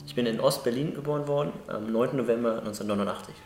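A man's voice: mid-range voice, very fast, darkish tone. A man in his early thirties giving brief, matter-of-fact interview answers. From Germany. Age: 30s. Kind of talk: casual interview. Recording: roomy recording with faint hiss.

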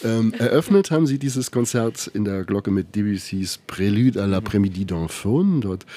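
Man, very low voice, radio host, live interview, measured and articulate, translating on the fly. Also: lively intonation, mellow. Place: studio bus at a concert.

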